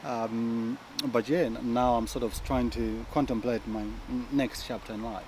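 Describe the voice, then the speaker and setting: A man's voice: medium pitch, steady tone, moderate pace, noisy background. A man from Malawi, a guest in a casual interview, who talks with many fillers and restarts.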